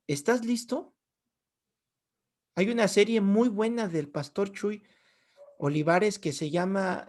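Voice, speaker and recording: A man, a pastor giving a sermon in a conversational way, with frequent rhetorical questions. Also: sits high.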